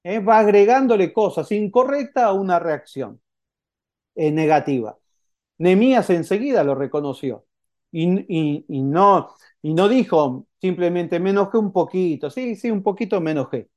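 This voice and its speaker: Conversational Rioplatense preacher, dark-toned. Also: male voice, high voice, animated, normal speed. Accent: Rioplatense Spanish. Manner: conversational preaching with frequent "¿eh?" tags and acted quotes. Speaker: pastor. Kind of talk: sermon.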